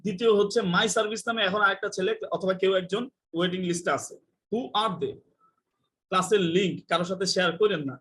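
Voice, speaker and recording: A man's voice: high-pitched, fast talker, a bit bright. A young man teaching English in a live online class, joking and scolding and mixing in English phrases.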